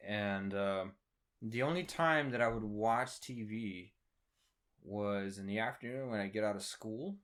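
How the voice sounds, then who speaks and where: Relaxed low-voiced podcast co-host man. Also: unhurried. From United States. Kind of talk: casual chat.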